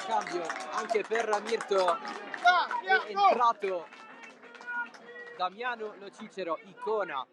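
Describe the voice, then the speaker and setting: A man giving live football commentary, breathless and excited in the Italian goal-calling manner, bursting into shouts. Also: sits high, slow, long pauses. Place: outdoors at a football ground. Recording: loud crowd and music, outdoor stadium. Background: loud crowd and music.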